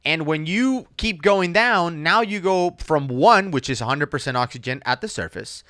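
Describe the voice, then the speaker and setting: A man delivers casual reaction video commentary with a sharp, bright voice and strongly varied pitch. He explains diving technicalities in detail, recorded very dry. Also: lively intonation, moderate pace, no room sound. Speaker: scuba diver reacting to a video.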